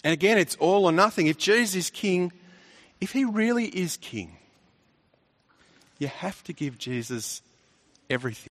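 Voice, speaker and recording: A man's voice: high-pitched, animated, normal speed, pauses often, a bit bright. A man preaching a sermon, emphatic and full of rhetorical questions, often repeating his words.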